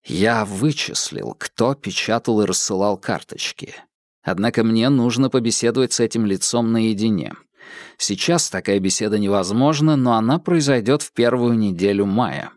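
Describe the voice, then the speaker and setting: A man voicing a cool, measured male detective in an audiobook, calm and curt. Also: lowish voice, no echo, clean studio sound, natural voice.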